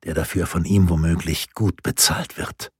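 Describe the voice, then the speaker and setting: A resolute imprisoned nobleman speaks in a low, sober, measured way, read by a man. The voice is deep and very husky. It is recorded close and dry, as in a storybook reading. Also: steady tone, no room sound. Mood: grave.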